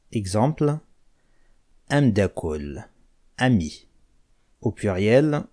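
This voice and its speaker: A man with a low, dark voice gives a language lesson at a very slow, careful pace. He spells out each word and pairs it with its meaning, one at a time. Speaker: language teacher.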